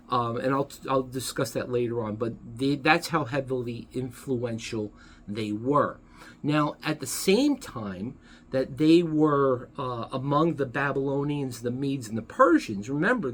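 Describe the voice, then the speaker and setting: A man as pastor, teaching a sermon in a conversational, halting way, with frequent self-corrections. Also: medium pitch. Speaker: pastor teaching a Bible study.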